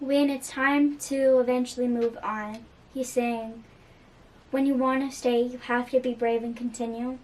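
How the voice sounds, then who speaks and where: A woman's voice: fairly high pitch, steady tone, measured pace, darkish tone, far from the mic. A young woman talking earnestly about a song in a casual reaction video, with frequent fillers. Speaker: music reaction vlogger.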